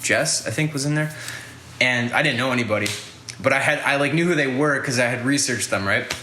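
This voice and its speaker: A man's voice: medium pitch, a little fast, pushed and bright, echoey room, slight background noise. A young man hosting a podcast, telling a casual story in a rambling way, full of fillers and swearing. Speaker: podcast host.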